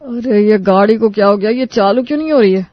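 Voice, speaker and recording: Voicing a hurried young son. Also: medium pitch, no echo, dull audio, close to an everyday voice. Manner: hurried, pleading.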